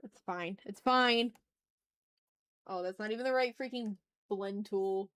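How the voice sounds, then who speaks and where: Drawing on a livestream she hosts, a woman chats casually in slang, muttering to herself and tossing out exasperated, playfully dramatic asides. She speaks a little slowly in a mid-range, slightly bright voice, and the recording is dry.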